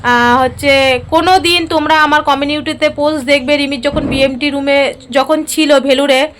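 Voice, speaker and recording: A middle-aged woman, a mother vlogging in a hurried, chatty way with many fillers. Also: sits high, fairly even intonation, fairly bright tone, a little hiss or hum. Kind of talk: casual vlog narration.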